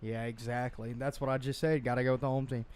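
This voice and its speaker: A man's voice: mid-range voice, fast talker, clean tone. A man hosting a casual sports podcast, joking and running through weekly picks. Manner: animated, joking, leads the picks. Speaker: podcast host.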